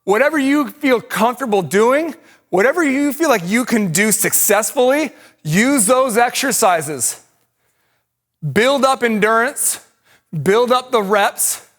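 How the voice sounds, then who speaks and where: Man, fitness coach, high voice, slow unhurried cues, winded, encouraging. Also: animated, a bit bright. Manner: encouraging, short cues while exercising. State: out of breath. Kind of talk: coaching a home workout.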